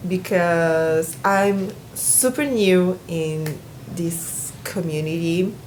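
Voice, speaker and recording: A young Brazilian booktuber speaks English with a Brazilian Portuguese accent in a casual book vlog, her voice fairly low and her pace extremely slow. She's hesitant, restarting often and using lots of fillers, with warm laughs between thoughts. There's slight background noise.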